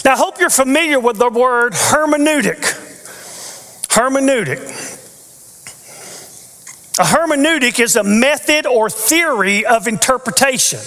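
An older pastor speaks from a large church stage to an audience through a headset mic, teaching earnestly with playful asides. His very high, sharp voice is animated, running a little slow with long pauses. The long reverb of a large church hall surrounds his words.

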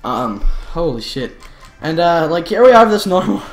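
A male live streamer reacting to his gameplay, loud, excited and heavily profane. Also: on the high side, measured pace, reverberant, soft background music.

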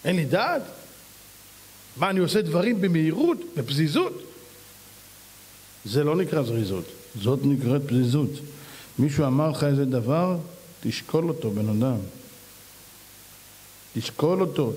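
A man's voice: lively intonation, long pauses, darkish tone, breathy edge. A man preaching as a rabbi, emphatic and full of rhetorical questions. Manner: emphatic, mimics others in high voices, rhetorical questions. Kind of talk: sermon. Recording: long hall reverb.

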